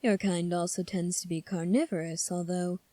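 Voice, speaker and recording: A woman voices a crafty young prince for an ASMR audio drama, using a soft, mellow, natural tone that sits low for a woman, captured in a very dry, close recording. His speech is measured, formal and calm, coolly probing and teasing with a faintly sadistic edge, and the mood is smooth and teasing.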